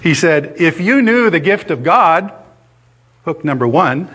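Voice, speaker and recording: A man's voice: on the high side, very animated, measured pace, fairly bright tone, breathy edge. A middle-aged man preaching a sermon in a conversational way, telling a story with restarts and fillers and acting out the voices in it.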